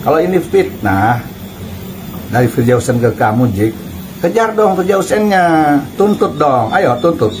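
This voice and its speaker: A man's voice: on the high side, animated, measured pace, noisy background. A man giving casual online commentary, chuckling and firing off pointed rhetorical questions. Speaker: YouTube commentator.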